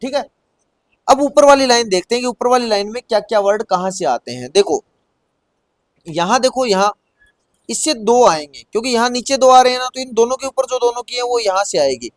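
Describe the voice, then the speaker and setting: High-voiced man teaching typing. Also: lively intonation, no room sound. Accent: Rajasthani Hindi. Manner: patient, repeats words slowly while demonstrating. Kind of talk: hands-on lesson.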